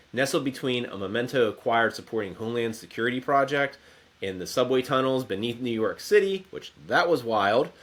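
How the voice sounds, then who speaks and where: A man's voice: mid-range voice, a bit bright. A man in his forties giving an earnest, encouraging motivational talk to camera from his home office. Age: 40s. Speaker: motivational speaker.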